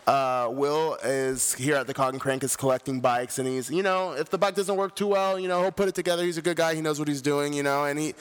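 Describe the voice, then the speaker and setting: A young man in his twenties chats on a cycling podcast in a relaxed, slang-heavy way. His voice sits a little high for a man, and he fills his sentences with "you know" and "like.". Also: fast talker, hardly any pauses, clear, resonant tone. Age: 20s. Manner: laid-back slangy talk with many fillers. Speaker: podcast co-host. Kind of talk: casual chat. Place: bike shop.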